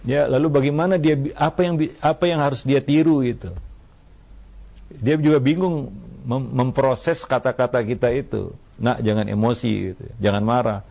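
A man, an Islamic preacher giving calm religious advice on parenting, unhurried and dotting his talk with "ya". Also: mid-range voice, creaky. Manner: calm, unhurried, frequent "ya" tags. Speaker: Islamic preacher answering questions.

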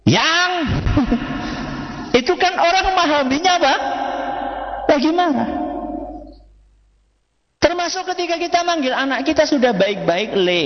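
A Javanese-accented man preaching to a live audience, quizzing them with questions and speaking slowly and emphatically. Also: extremely high pitch, lively intonation. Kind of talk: religious lecture with audience call-and-response. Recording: echoey hall, dull lo-fi sound.

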